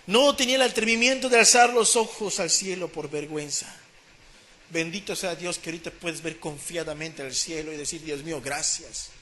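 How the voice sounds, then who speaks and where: A man with a Mexican Spanish accent preaching a sermon, swinging between hushed pleading and loud, fervent repetition. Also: on the high side, moderate pace, a little hiss or hum.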